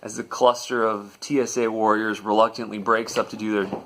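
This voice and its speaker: Guy telling a funny story, low voice with lots of fry, deadpan and matter-of-fact. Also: moderate pace. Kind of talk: comedic personal storytelling.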